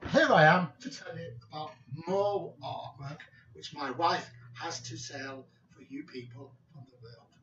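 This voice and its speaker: Slow, punning man, distant and dull. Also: on the high side, pushed and bright, a little hiss or hum. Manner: slow, deliberate, pun-telling. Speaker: presenter of art videos. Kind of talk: joke-filled video presentation.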